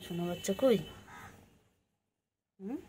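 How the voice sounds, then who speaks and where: A woman's voice: medium pitch, slow, dark tone, slight background noise. A woman talking doting, repetitive baby talk to her pet cats while filming them. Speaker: pet vlogger.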